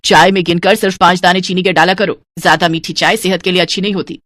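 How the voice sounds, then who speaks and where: A woman's voice: on the low side, steady tone, fast, a bit bright, no echo, studio quality, close to an everyday voice. A woman voicing a stingy, scheming old mother-in-law in a cartoon, with a scolding, penny-pinching manner.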